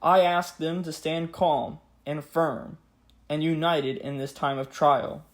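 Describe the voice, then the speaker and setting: A man giving a scripted history narration in a grave, measured, earnest way, as a podcast host. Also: fairly high pitch, fairly even intonation. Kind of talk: scripted history narration with a solemn read-out speech.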